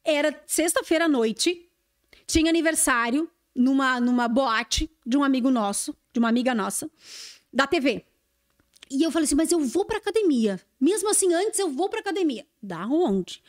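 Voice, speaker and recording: A woman's voice: high voice, moderate pace. A woman, a TV journalist telling a story in a casual podcast chat and acting out the dialogue. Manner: animated storyteller who acts out quoted dialogue.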